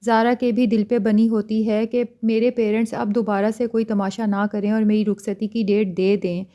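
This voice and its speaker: A woman's voice: medium pitch, little pitch movement, warm tone. A woman narrating an episode recap, retelling scenes and reading the characters' lines in her own voice. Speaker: drama reviewer.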